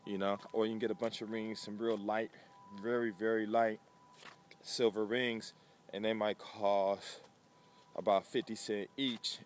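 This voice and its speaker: A man talks casually to the camera in a fairly low voice, rambling and filling gaps with "you know" and "um." He is recorded outdoors on a city street, with faint traffic and ambient noise behind him. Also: a bit bright. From United States. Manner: conversational, rambling with many fillers. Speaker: vlogger.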